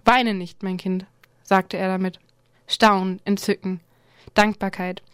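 A woman giving a measured, expressive literary reading of a novel excerpt in short phrases. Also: mid-range voice, clean tone, no echo, clean studio sound.

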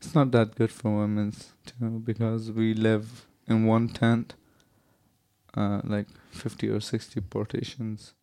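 A man speaks slowly and haltingly, often pausing as he searches for words. His voice is mellow and soft, and it sounds dry and close, with no room sound. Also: lowish voice, monotone, no room sound. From Afghanistan. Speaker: interviewee. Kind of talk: interview answers in English.

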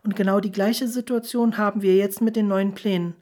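A woman reading a cool, commanding matriarch from a storybook, firm and measured, talking in a voice of ordinary height. she lays down the law without raising it much. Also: mid-range voice, steady tone, dark tone, natural voice.

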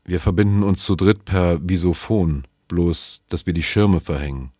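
A man's voice: low voice, normal speed, darkish tone, no echo, clean studio sound. A man reading the lines of a guarded, edgy male scientist on a space station, who talks curtly and hesitantly in an audiobook reading. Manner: hesitant, curt, muttering.

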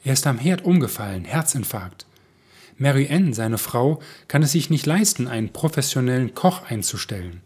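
A man's voice: medium pitch, sing-song, normal speed, a little mellow, slightly rough. A man reading the part of a grown daughter who urgently pleads with her mother. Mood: pleading. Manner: urgent, persuasive.

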